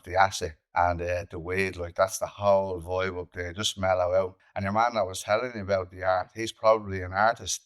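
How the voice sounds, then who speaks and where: An Irish man hosting a podcast, chatting casually and swearing freely as he shares his own stories. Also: low-pitched. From Ireland. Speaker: podcast host. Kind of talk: casual chat.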